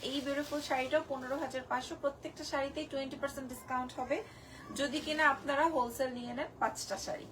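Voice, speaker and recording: Hoarse high-voiced woman selling saris live. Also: steady tone, very fast, noisy background. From Bangladesh. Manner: gushing, repeats prices and discount. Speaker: live-sale presenter. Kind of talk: live-stream sales pitch.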